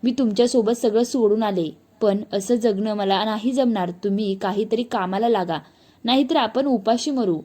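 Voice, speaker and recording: A woman's voice: mid-range voice, moderate pace, warm tone, close to an everyday voice. A woman narrator voicing a frightened young wife who pleads through tears, in a storybook telling. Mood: pleading tearful. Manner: pleading, tearful.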